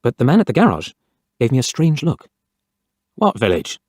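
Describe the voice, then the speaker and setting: A man narrating a first-person storybook reading in a plain, measured way. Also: medium pitch, sing-song, a little mellow, no echo, studio quality.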